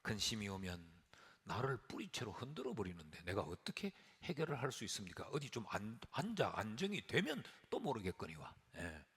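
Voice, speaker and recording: A male pastor preaching a sermon, swinging from whispers to shouts. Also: on the low side, wildly swooping pitch, fairly quick, slightly rough. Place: church sanctuary. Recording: long church hall reverb.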